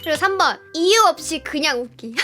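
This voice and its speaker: Very high-pitched, sharp-voiced grumbling young woman streamer. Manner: sarcastic, irritable, bursts into loud yelling. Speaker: live streamer. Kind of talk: reading a workbook aloud with grumbling commentary.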